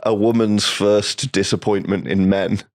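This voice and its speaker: Young male comedian guest, slightly low voice, halting anecdotal delivery. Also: steady tone, a little mellow. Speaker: podcast guest, stand-up comedian. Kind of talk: casual chat.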